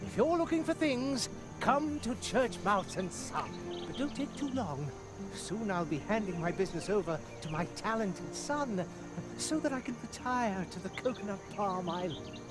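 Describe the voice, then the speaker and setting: A man's voice: sits high, lively intonation, moderate pace. An actor voicing a theatrical aging mouse merchant in a video game, a chatty doting father who hams up his stammering sales patter like a stage actor. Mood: eager, grandiose. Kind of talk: video game character acting. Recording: music behind the voice.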